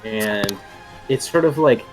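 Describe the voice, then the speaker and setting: Male game master, slow, rambling narration full of fillers. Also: fairly low pitch, lively intonation, faint music behind. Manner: rambling, many fillers and restarts.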